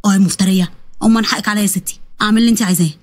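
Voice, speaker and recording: Shy young Egyptian man, flustered and pleading, fast and lowered high voice, a woman putting it on, dry close mic. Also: fairly even intonation, no echo, close to an everyday voice. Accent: Egyptian Arabic. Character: young man, awkward, shy, blurts out truths.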